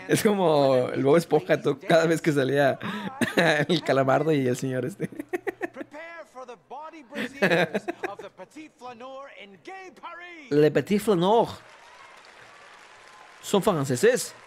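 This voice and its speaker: A man with a Mexican accent, chatting casually and joking while he plays and comments on a game. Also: fairly high pitch. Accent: Mexican Spanish. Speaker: gaming YouTuber.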